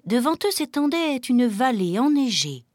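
A woman narrating a children's storybook in a gentle, expressive reading voice. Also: high voice, unhurried, dry recording, clean studio sound.

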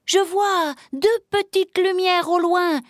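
Woman doing a squeaky, excitable little forest creature. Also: moderate pace, dry recording, clean studio sound. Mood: excited. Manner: high, breathless and eager. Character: small timid male forest animal, easily excited.

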